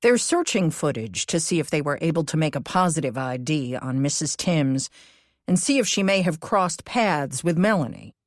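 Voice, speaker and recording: Woman narrator as cautious man, cozy mystery audiobook, calm, measured explaining, low register, dry recording. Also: dry recording. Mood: concerned.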